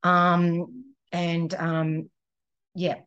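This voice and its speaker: A woman's voice: lowish voice, completely flat delivery, very slow, fairly bright tone, clear, resonant tone, muffled recording. Chatty upbeat Australian woman host. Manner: chatty and upbeat, laughs easily, many fillers. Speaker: podcast host and running coach. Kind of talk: casual podcast chat. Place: indoors in a cabin.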